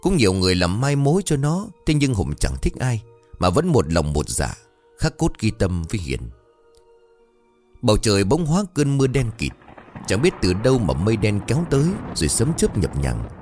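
A man narrating a scripted horror story in an expressive, dramatic way. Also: lowish voice, normal speed, faint music behind.

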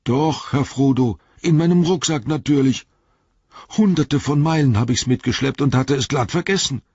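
A man's voice: low voice, steady tone, moderate pace, husky, no echo, dull audio. A man voicing a loyal, anxious male hobbit servant who calls out urgently, in an audiobook reading. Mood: relieved.

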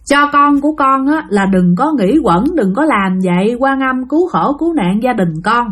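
A woman voicing an anxious elderly mother-in-law who pleads softly, in a spoken ghost story. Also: a little high, expressive, moderate pace. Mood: praying.

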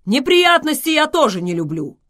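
A woman's voice: high voice, big pitch swings, moderate pace, a bit bright, voice pushed up. A woman voicing a grumpy, bossy male god who roars out indignant complaints. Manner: roaring, indignant outbursts.

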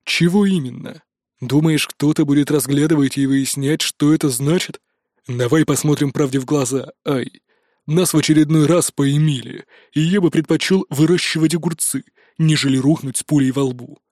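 A man voicing a weary, burly male fighter with a deep bass, talking bluntly and with resignation. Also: steady tone, moderate pace, darkish tone, dry recording, clean studio sound.

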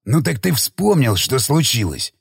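A man's voice: medium pitch, sing-song, measured pace, gravelly, breathy edge, dry recording, clean studio sound, full character voice. Man voicing a furious, barking army commander. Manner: barking, abusive, threatening. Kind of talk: audiobook character reading.

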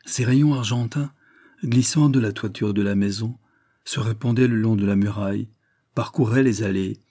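A man narrating a classic novel aloud in a measured, expressive way. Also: on the low side, dry recording, clean studio sound. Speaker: audiobook narrator. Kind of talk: scripted narration.

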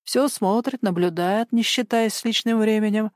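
A woman's voice: mid-range voice, normal speed, no room sound, clean studio sound, natural voice. A woman voicing a nervous, fidgety older male pensioner in an audiobook, jittery and self-important. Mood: fussy. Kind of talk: audiobook character voice.

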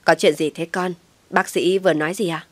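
A woman's voice: on the low side, steady tone, fairly quick, dry recording, lightly acted. A woman voicing a doting older mother-in-law who talks in a soothing, fretful way.

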